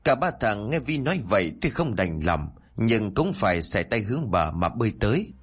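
A man narrating a horror story in a scripted, expressive reading, doing all the voices. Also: fairly low pitch, normal speed, breathy edge.

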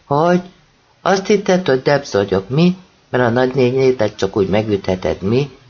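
A man voicing a drunk, furious middle-aged mother who scolds and shouts at her son. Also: medium pitch, animated, lo-fi sound, natural voice. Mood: angry scolding.

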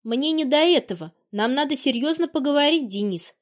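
A woman's voice: high voice, animated, a little fast. A woman reading an audiobook voices a furious jilted woman who confronts her ex-lover with biting scorn. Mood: accusing. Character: furious jilted woman, sharp-tongued and accusing.

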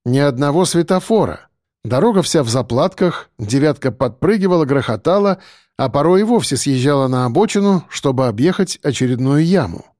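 A man narrating an audiobook in an expressive storytelling manner. His voice sits a bit high and moves in a lively, animated way. It is recorded close and dry, with no room sound. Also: a little fast, no echo.

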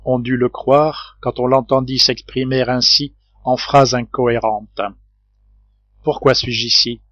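A man narrating an audiobook of a classic novel in a steady, unhurried reading voice. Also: mid-range voice, no room sound. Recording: dry, slightly dull home recording.

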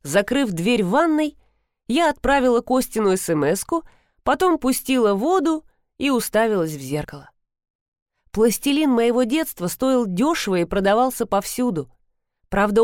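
A woman's voice: very animated, moderate pace, darkish tone, no room sound, studio quality. A woman narrating a first-person story as an audiobook, shifting her voice for the characters. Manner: voices characters with pitch jumps.

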